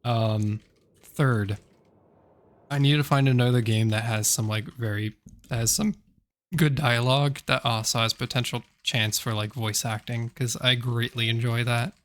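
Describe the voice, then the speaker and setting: A man's voice: mid-range voice, steady tone, unhurried, a bit bright. A man with a slightly sore throat chatting casually on a gaming stream, rambling and correcting himself with many fillers.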